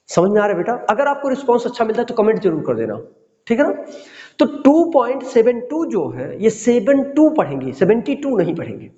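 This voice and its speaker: A man's voice: sits high, warm tone, echoey room, big-room sound, highs cut off. A male math teacher with an Indian English accent gives an online class lesson, patiently repeating questions and spelling words letter by letter.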